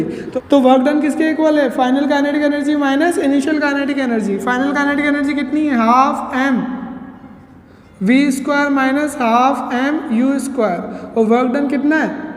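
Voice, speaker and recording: A woman physics teacher working through a problem step by step, asking the class questions and answering them herself, and reading the English problem text slowly. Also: high voice. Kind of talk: step-by-step lecture solving a problem. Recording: echoey room with long reverb.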